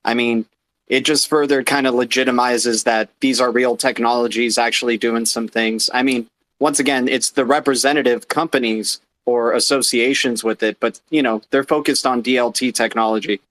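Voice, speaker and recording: A man's voice: mid-range voice, steady tone, moderate pace, a bit bright, no room sound. Man explaining in a dry voice. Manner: informative, filler-heavy explaining. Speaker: participant in a crypto community audio space. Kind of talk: casual chat.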